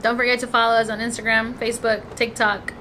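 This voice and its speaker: A woman's voice: on the high side, little pitch movement, fast, bright, forceful tone, slight background noise, rough recording. A woman co-hosting a vlog, chatting casually while eating and giving emphatic, motivational advice. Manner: emphatic, motivational, repeats for stress. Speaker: vlog co-host.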